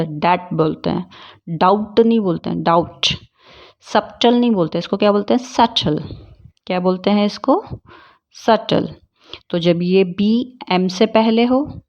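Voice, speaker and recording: A woman's voice: mid-range voice, dull audio. Woman teaching English, patient and repetitive. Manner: explains patiently, repeats words and asks questions back. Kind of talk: spoken English lesson.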